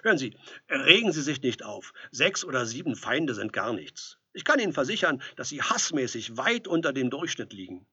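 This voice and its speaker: A man voicing a jovial, breezy male demon from hell, brash and loud. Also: mid-range voice, sing-song, moderate pace, breathy edge, no echo, full character voice. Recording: dull lo-fi recording.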